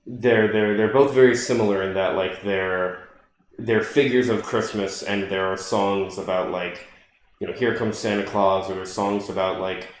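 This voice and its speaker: Low-voiced guy rambling on a podcast, tons of ums and likes, room echoes a lot. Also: fairly even intonation, moderate pace, a little hiss or hum. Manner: rambling, many fillers and restarts, swears casually. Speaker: podcast co-host. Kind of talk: casual chat.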